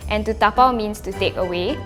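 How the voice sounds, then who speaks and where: A woman's voice: medium pitch, a little fast. A young adult woman with a Singaporean accent and a Singlish way of speaking, a student talking casually in an interview. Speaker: university student. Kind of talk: casual interview talk to camera. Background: music.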